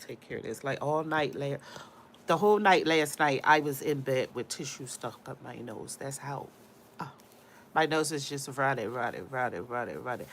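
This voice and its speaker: Here a livestream host with a cold talks in a low, somewhat bright, congested voice over slight background noise. Her casual chat wanders as she speaks directly to viewers.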